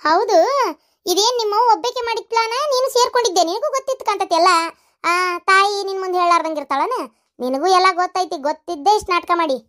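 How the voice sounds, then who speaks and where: Cartoon: actor playing a scheming, boastful mother-in-law; very high, shrill, North Karnataka accent, scolding. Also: quick pace. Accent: North Karnataka Kannada. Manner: scolding, sharp-tongued, boastful. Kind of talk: comic cartoon voice acting.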